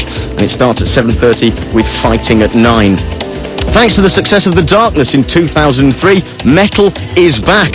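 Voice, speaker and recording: A British man reading scripted comic gig listings on the radio in a deadpan manner. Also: mid-range voice. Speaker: comic gig-guide presenter. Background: music bed.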